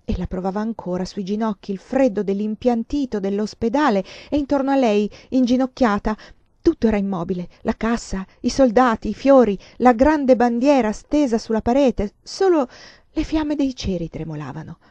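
Woman reading a novel aloud, mellow. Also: a little high, moderate pace, dry recording, dull audio. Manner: expressive, swelling with the drama. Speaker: audiobook reader.

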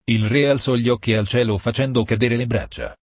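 Man reading a story out loud, husky voice, dry close sound. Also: mid-range voice, fairly even intonation, fairly quick, no room sound. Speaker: audiobook narrator. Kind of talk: scripted narration.

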